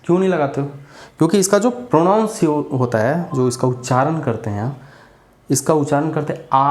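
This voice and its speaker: A man's voice: a little high, echoey room. A man giving a casual grammar lesson, chatty and repetitive as he drills examples. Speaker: English grammar teacher.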